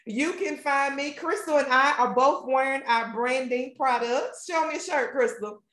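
A woman with a high, bright-pitched voice hosts a faith podcast and leads a fervent prayer in a preacherly cadence. The sound is roomy and echoey around her. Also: normal speed. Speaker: podcast host and marketing strategist.

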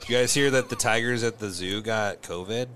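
A man's voice: on the low side, brisk, a bit bright. A man co-hosting a podcast from a bar, telling loose, jokey stories and swearing freely. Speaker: podcast co-host. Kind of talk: casual bar chat.

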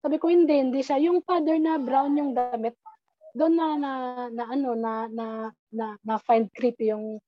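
A woman's voice: sits high, moderate pace, no room sound, lo-fi sound. A woman telling a childhood ghost story in casual conversation, hesitant and full of restarts, with English words mixed in. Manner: hesitant, many restarts, mixes English into Tagalog.

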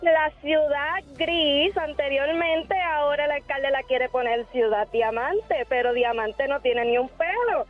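A Puerto Rican woman calling in, playing a pageant contestant with a slow, mock-formal delivery. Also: high voice, phone-quality sound. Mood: mock-proud. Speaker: caller.

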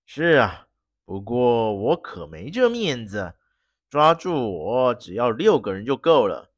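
A storyteller voicing a smug, scheming baron who mocks his rival slowly. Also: very animated, dry recording. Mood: mocking. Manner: slow, mocking and low. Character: scheming male baron villain, smug and cold. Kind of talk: storybook reading.

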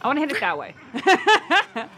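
A woman's voice: high voice, huge pitch swings, normal speed, sharp tone, soft background music. A woman playing a tabletop game, giggly and playful. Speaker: player.

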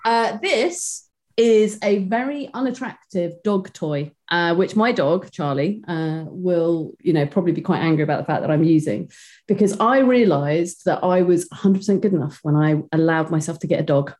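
A woman guest on a podcast, chatting in a giggly, animated way. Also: on the low side, moderate pace. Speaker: podcast guest, clown and coach. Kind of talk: casual chat.

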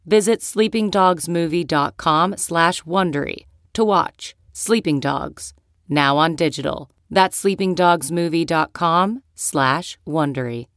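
A woman reading a scripted ad in a slow, dramatic way. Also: low voice, a bit bright, no echo, studio quality. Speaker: ad announcer. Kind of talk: scripted ad read.

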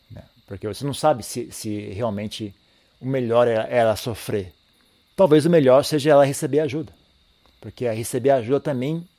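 A man gives a calm, reflective Buddhist teaching, often pausing to repeat himself and ending phrases with a questioning tag. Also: mid-range voice. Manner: calm, reflective, tags sentences with "né?"; repeats and restarts phrases while thinking. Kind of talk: dharma talk.

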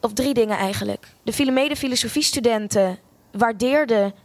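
A woman's voice: fairly high pitch, brisk, no room sound. A young woman tells a personal story in a frank, sardonic way, with self-mocking humor and free swearing.

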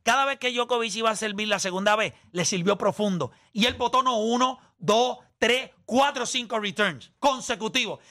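A high-voiced man co-hosting a podcast argues sports in a heated debate, speaking at a moderate pace with hardly any pauses and a sharp tone. He's insistent, talks over others, and explains his points through long analogies.

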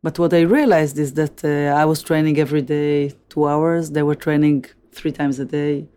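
A woman's voice: low voice, level tone, normal speed, dark tone, smooth. A woman in her fifties with an Israeli accent, a native Hebrew speaker, answering interview questions in English with many uh and you know fillers. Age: 50s. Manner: frequent fillers like uh and you know, plain direct phrasing. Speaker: interview guest, former Olympic athlete.

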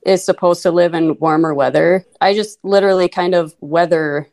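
A woman's voice: on the low side, fairly even intonation, moderate pace, darkish tone. A woman in her thirties from North Dakota with an Upper Midwest accent, chatting upbeat as a podcast guest, full of "like" and "you know". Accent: Upper Midwest American. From North Dakota, USA. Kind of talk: casual interview chat.

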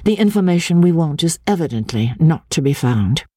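A reader voicing a brisk, forthright, good-humoured gentlewoman in a storybook. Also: medium pitch, sing-song, slightly rough, no echo, clean studio sound, voice pushed up. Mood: brisk polite. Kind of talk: audiobook character voice.

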